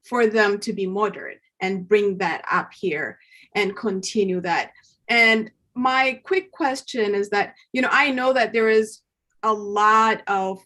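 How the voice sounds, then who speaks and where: A woman's voice: medium pitch, fairly bright tone. A woman puts an informal question at a conference, talking conversationally and thinking aloud as she goes. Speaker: audience member asking a question.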